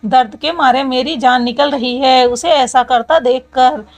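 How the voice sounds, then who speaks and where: A woman's voice: high voice, fairly even intonation, unhurried. A woman voicing a sore, whiny young male college student who complains and scolds his friend. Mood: complaining.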